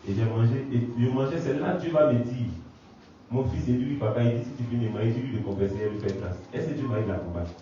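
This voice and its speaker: Preacher in an echoey hall. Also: male voice, mid-range voice, mellow, slight background noise. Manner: storytelling, halting with restarts. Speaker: pastor. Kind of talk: sermon testimony. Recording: echoey hall, distant muffled mic.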